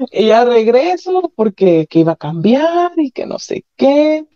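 Calling in, a woman shares personal experiences in a high-pitched, mellow voice, very animated yet slow to move along. The phone connection strips away the top end, and her frank account is broken up by nervous laughter.

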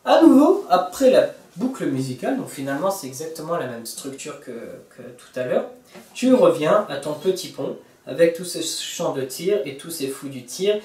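French guitar teacher in a roomy space. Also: male voice, a little high, very animated, normal speed, darkish tone, distant mic. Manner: talks to the viewer informally, counts beats and sings lyric snippets over guitar. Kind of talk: guitar tutorial explanation. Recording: roomy, from off-mic, with guitar playing.

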